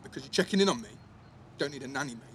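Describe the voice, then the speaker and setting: In a naturalistic audio drama, a young man plays an indignant, defensive, sweary teenage schoolboy with an East Midlands English accent, blunt and slangy and full of tag questions. His mid-range voice is expressive, rapid-fire and a bit bright, sounding natural, with slight background noise.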